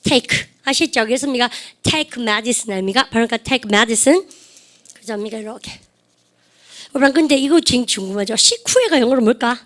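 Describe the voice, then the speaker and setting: A woman's voice: on the high side, a bit bright. Woman teaching English in class. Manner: drills phrases, calls students to repeat; slow, drawn-out model sentences. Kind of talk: classroom lecture.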